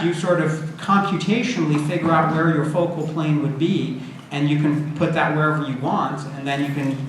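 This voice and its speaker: A man's voice: fairly high pitch, a bit bright. A middle-aged man giving an informal, conversational public lecture as a university teacher, often checking in with "right?" and "you know.". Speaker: university computer science lecturer. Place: indoor lecture room with an audience. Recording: echoey room, audible background noise.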